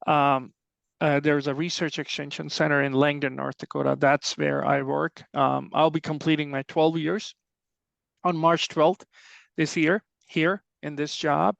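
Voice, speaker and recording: A middle-aged man with a Pakistani accent, an extension soil health specialist, gives an informal technical presentation on an online webinar call. His slightly high, gravelly, somewhat bright voice holds a level tone at a measured pace, explaining things conversationally. The recording is dry with the highs cut off.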